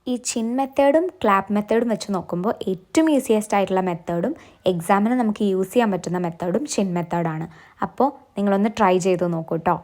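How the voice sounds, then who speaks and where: A woman's voice: mid-range voice, fast, darkish tone. A woman with a Malayali accent giving a step-by-step exam-prep lesson, asking viewers to try along. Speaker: English teacher.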